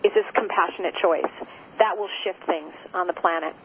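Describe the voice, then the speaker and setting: Woman guest on a tinny phone line with a faint hiss, mid-pitched, gentle, repeats key phrases. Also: normal speed, vocal fry. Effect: speaking over the phone. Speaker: interview guest. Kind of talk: spiritual interview talk.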